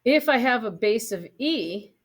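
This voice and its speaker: A math teacher with a slightly high, expressive voice lectures casually at a measured pace. She frequently checks understanding by asking "right?" and makes lighthearted comments to the class.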